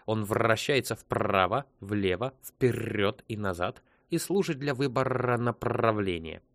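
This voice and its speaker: A man voicing a polite, slow ship computer. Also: fairly low pitch, expressive, creaky, a bit bright, no echo, clean studio sound, full character voice. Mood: dutiful. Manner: slow, measured, dutiful.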